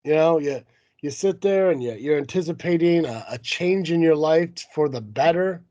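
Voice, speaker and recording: This podcast host starts with an ad read, then settles into casual chat, grumbling, cursing, and putting himself down while fighting a cold and runny nose. His slightly high voice is warm and moderately paced. There's no echo, though the highs are cut off.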